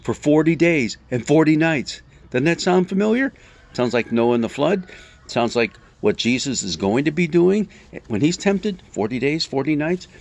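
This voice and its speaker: A man speaking as a pastor in an informal Bible talk, telling the story in a lively, conversational way full of asides. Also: a little high, normal speed.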